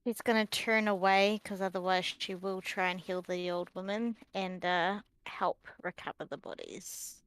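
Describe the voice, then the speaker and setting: A woman with a lowish, very clear voice plays a tabletop game. She describes her character casually, recorded close and dry. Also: fairly even intonation, unhurried, hardly any pauses, a bit bright, no room sound.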